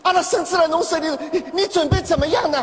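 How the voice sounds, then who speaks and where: A man playing a sly, sharp-tongued old grandmother from Shanghai with a Shanghai accent, who mocks and feigns confusion in a stage comedy sketch. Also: very high-pitched, fast. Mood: mocking. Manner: mocking, feigns confusion, teases. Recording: reverberant hall with audience and noise.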